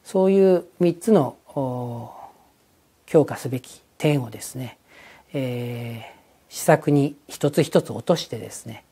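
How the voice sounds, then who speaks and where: A man speaks as a company executive answering an interview question. His mid-pitched voice is husky and mellow. He talks in a hesitant way, filling pauses with drawn-out filler sounds.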